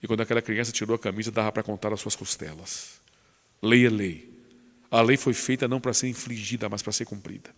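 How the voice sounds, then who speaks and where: A man's voice: mid-range voice, in a large hall. A man preaching a sermon as a pastor, telling a story dramatically and then building to fervent emphasis. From Brazil. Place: church.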